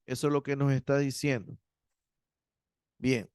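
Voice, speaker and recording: A man teaching a Greek grammar class, explaining patiently and checking in with his students, slowing down to spell out word endings. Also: mid-range voice, steady tone, a little mellow, clear, resonant tone, no echo, studio quality. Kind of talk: university Greek grammar lecture.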